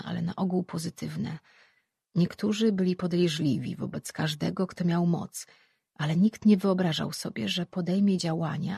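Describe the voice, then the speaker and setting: An audiobook narrator reading a fantasy novel in calm, even scripted narration. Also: mid-range voice, gravelly, breathy edge, dry recording, clean studio sound.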